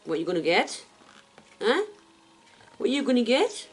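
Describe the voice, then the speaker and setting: A woman's voice: fairly high pitch, very animated, a little slow, faint music behind. A woman at home, coaxing and praising her pet bird in a sing-song baby-talk voice. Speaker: pet owner. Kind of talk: casual chat to a pet bird. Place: indoors at home.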